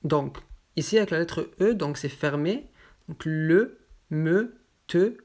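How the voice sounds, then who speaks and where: French teacher going real slow, sounding out each word twice, pronunciation lesson. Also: medium pitch, expressive, darkish tone. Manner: slow, careful enunciation, repeating example words.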